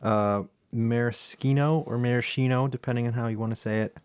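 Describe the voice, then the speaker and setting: Low-voiced man explaining a cocktail. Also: little pitch movement, a little hiss or hum. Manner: explains recipes, halting with fillers. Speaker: home bartender host. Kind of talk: casual chat.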